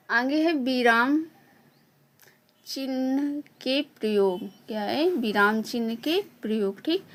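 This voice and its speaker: Slow, patient woman teaching a lesson. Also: fairly high pitch, slight background noise. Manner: slow, repeats points and checks in with "ठीक". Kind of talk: slow online lesson explanation.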